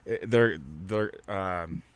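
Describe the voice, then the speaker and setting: A man's voice: fairly low pitch, takes it slowly, crowd noise. A man hosting a casual live podcast, talking in a rambling, stop-start way with lots of restarts and fillers. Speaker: podcast host. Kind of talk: casual live-stream chat.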